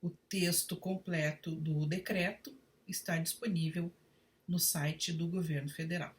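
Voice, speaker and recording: A woman giving a read-aloud grammar lesson, spelling out spelling rules one word at a time in a deliberate way. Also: lowish voice, steady tone, recorded from a distance. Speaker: Portuguese writing teacher.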